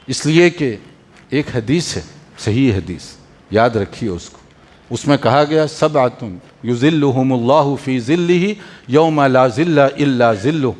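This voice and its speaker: A man giving an earnest mosque sermon, urging his listeners and chanting Arabic quotations. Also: fairly high pitch. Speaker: preacher. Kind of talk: mosque lecture after night prayer. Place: mosque hall. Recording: long hall reverb.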